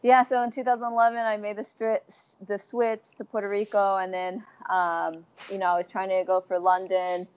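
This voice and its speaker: A woman's voice: mid-range voice, little pitch movement, moderate pace, hardly any pauses, clear, resonant tone. Young texan woman on a video call from a gym, talks loosely with fillers, lo-fi sound. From Texas, USA. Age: 20s. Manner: chatty, many fillers and restarts. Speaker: interview guest, athlete. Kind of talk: casual video-call interview. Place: large indoor gym hall. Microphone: earphone mic on video call. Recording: dull lo-fi video call audio.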